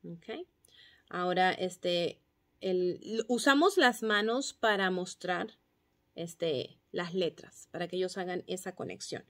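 Lady teacher going over phonics, real slow, bright voice, loud on the sounds. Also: lowish voice. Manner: slow, patient, sounding out syllables and letter sounds loudly. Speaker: kindergarten teacher. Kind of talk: explaining classroom phonics drills.

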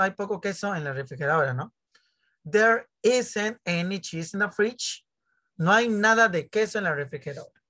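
A man's voice: high-pitched, sharp tone. A man teaching English grammar in an online primary class, joking and teasing his pupils and acting out their questions. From Peru.

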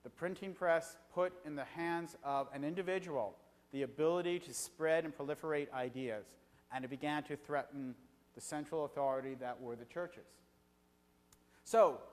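A middle-aged man giving an evening lecture in a conversational way, pausing often on filler sounds. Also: on the high side. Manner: conversational, frequent filler pauses. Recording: reverberant hall.

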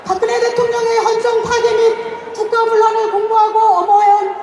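A man shouts a protest speech at a very high, unvarying pitch. His oratory is impassioned and forceful in delivery. He is heard from far off, echoing over a noisy crowd. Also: little pitch movement, a little fast. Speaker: speaker at a political protest rally. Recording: distant echoey rally recording, noisy crowd.

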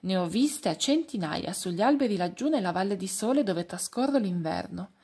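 A woman's voice: mid-range voice, expressive, moderate pace, warm tone, husky. A woman voicing a well-travelled male finch who explains patiently, in a storybook reading.

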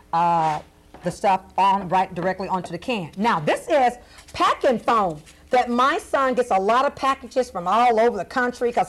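A woman's voice: on the high side, slight background noise, close to an everyday voice. A woman playing a cheerful female clown who teaches a children's craft lesson in a sing-song, coaxing voice. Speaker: arts and crafts host.

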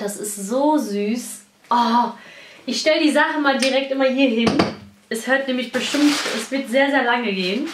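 A beauty vlogger with a high voice gushes through a casual unboxing, squealing and laughing excitedly over her gifts. The room is echoey, with faint noise.

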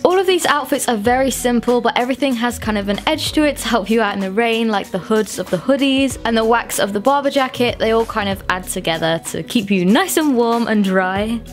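A woman's voice: a little high, fairly quick, hardly any pauses. A woman in her twenties, a fashion vlogger giving friendly, upbeat voice-over tips on outfits. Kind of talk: scripted lookbook voice-over. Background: faint music.

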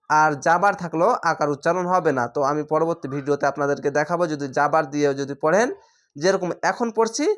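A woman from Bangladesh teaching a step-by-step Quran reading lesson, sounding out each letter slowly and louder, with plain explanations in between. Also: on the low side. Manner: slow, drawn-out letter pronunciation between explanations; sounds the letters out louder and more drawn out than her explanations.

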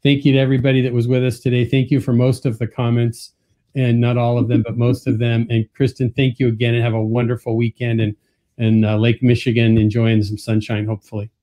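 A man's voice: mid-range voice, monotone, brisk, dark tone. A man co-hosting a podcast, friendly and casual, often repeating words as he starts a thought. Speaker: podcast co-host. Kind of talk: casual chat.

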